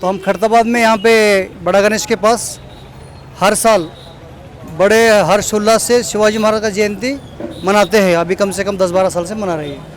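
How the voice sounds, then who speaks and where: Man, very high voice, earnest street interview, repeats himself, traffic behind. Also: fairly even intonation, moderate pace. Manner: earnest, repetitive, mixes English words into speech. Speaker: local organizer interviewed at a celebration.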